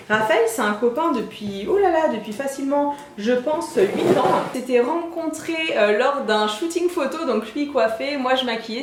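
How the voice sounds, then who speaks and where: Young woman, high voice, gushing, chatty unboxing vlog, roomy echo. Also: slight background noise. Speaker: beauty vlogger. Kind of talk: casual unboxing chat.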